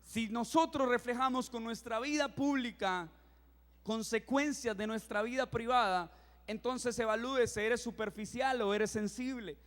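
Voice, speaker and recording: A young man in his twenties, a youth pastor, preaching a sermon and telling funny stories, acting out his own reactions with lively energy. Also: very high voice, unhurried. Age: 20s. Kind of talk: sermon with humorous storytelling. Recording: reverberant hall.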